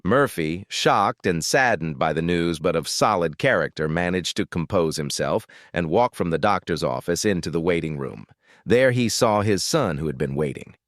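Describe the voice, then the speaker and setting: A man with a low-sitting voice reads a string of jokes aloud in lively storytelling style, quickly shifting into character voices for the people in them. The recording is clean studio sound with no echo.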